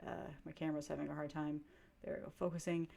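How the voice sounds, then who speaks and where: Chatting casually to camera, a woman music vlogger shows off her cassettes, rambling with fillers and restarts. Her voice is deep, warm and creaky, with a level tone and a fast delivery.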